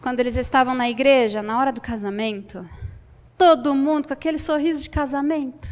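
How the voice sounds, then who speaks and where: A woman telling a folk tale aloud with expressive delivery, dramatic pauses and a shifting pace. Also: high voice, big-room sound. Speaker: storyteller. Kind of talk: oral folk-tale storytelling.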